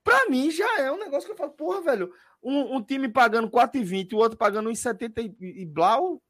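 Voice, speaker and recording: A man's voice: very high voice, animated, fairly quick, a bit bright, no echo. Man, podcast host, colloquial swearing, dry close sound, swooping intonation. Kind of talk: casual betting chat.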